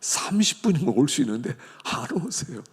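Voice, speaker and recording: A man preaching a sermon as pastor, swinging from loud declarations to hushed whispers. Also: a little high, sing-song, normal speed, breathy edge. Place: church sanctuary. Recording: long church hall reverb.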